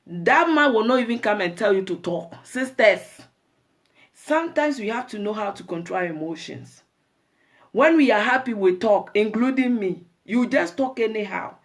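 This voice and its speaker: A chatty Ghanaian woman hosts a live show, chatting with viewers, greeting them by name, mixing in Twi and offering preachy advice to women. Her mid-range voice is expressive and moves at normal speed.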